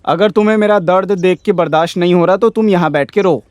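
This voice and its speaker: This is a stubborn old village landlord, dubbed by a man for a film. The voice sits very high and sounds dry and close, with no room around it. He talks in a defiant, self-pitying way and refuses to give in. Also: fast talker, a little mellow, dry recording, natural voice. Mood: sulky. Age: older. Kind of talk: Hindi film dub.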